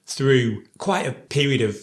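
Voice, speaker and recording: Sex: man. Role: podcast co-host. Style: easygoing casual chat, laughs often. Pitch: mid. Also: animated, unhurried.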